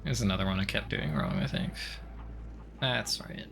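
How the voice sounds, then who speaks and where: A man with a low voice and wildly swooping pitch talks at a normal speed with vocal fry while playing through a video game. He mutters to himself hesitantly, thinking aloud in casual commentary with the odd mild swear word, and there's noise in the background.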